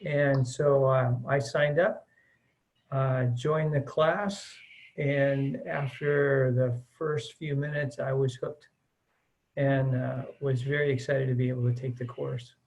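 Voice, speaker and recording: Slow and steady, with a medium pitch and a darkish tone, this middle-aged man from the United States talks earnestly as an interview guest. He's a missions mobilizer who chats freely, peppering his speech with "uh" and "um," and the audio is poor.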